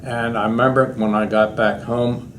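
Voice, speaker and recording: During an oral history interview, an American war veteran in his eighties rambles through anecdotes about his service. His medium-pitched voice is fairly bright and level at a normal speed, captured in a noisy recording with room ambience.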